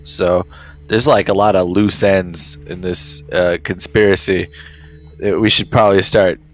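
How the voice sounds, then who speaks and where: A man's voice: sits low, fairly even intonation, a little slow, faint music behind, poor audio. A man chatting casually as a player in a tabletop role-playing game.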